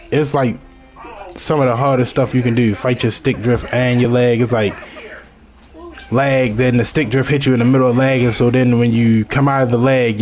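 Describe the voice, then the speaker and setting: A medium-pitched, slightly mellow man from Baltimore, Maryland, chats loosely with viewers in a strong local accent, narrating his own video game in a rambling, casual way.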